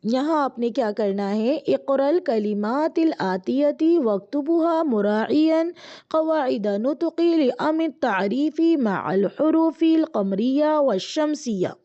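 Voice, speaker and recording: A woman teaching an Arabic reader lesson, reading each word slowly and drawn out, then explaining it quickly. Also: sits high, lively intonation, warm tone, highs cut off. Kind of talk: explaining a language textbook lesson.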